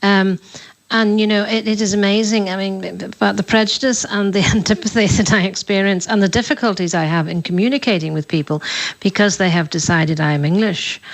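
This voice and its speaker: A woman's voice: fairly low pitch, rough recording. A woman guest on a radio discussion, forthright and opinionated, with the occasional sigh. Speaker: guest commentator.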